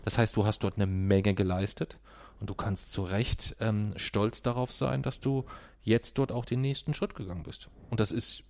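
A man's voice: lowish voice, steady tone, moderate pace, a little mellow. Argumentative father in casual talk. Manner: teasing, argumentative, acts out quotes. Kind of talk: casual family conversation.

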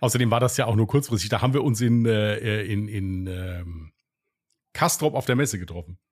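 A man's voice: fairly low pitch, normal speed, a little mellow. A man co-hosting a podcast in casual chat, rambling and self-deprecating with many restarts. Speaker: podcast co-host.

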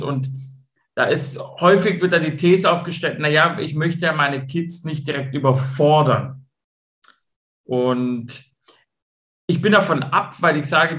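A middle-aged man with a Swabian accent, answering as a guest in a podcast interview and explaining his coaching work in a lively way. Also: fairly high pitch. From Swabia, Germany. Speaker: guest, youth football coach and company owner.

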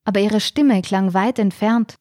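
Female audiobook narrator, mid-pitched, suspenseful and measured, dry close recording. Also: a little mellow, no echo.

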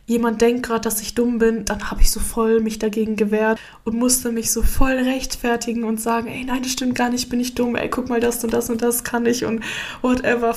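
A woman's voice: a little high, a little mellow. A young woman talking candidly and casually to her viewers in a personal self-help vlog. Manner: casual, candid, slangy, addressing viewers directly. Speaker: vlogger.

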